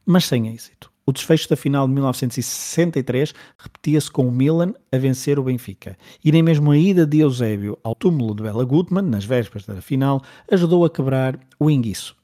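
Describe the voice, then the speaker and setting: A man's voice: mid-range voice, mellow. A man with a European Portuguese accent reading a scripted documentary-style sports narration.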